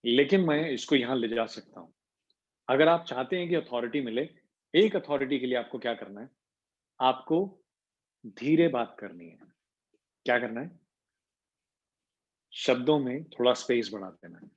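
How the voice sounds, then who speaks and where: A man teaching an online voice class, mixing Hindi with English and demonstrating pitch with hums and slow pauses. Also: lively intonation, dull audio. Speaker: voice coach.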